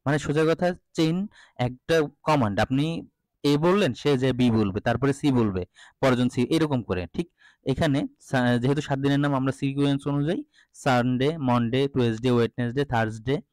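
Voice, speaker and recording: A man explaining a primary school English lesson, spelling words out letter by letter and breaking them into syllables, slow and deliberate, with frequent fillers. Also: mid-range voice, a little mellow, no room sound. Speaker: English teacher for young children.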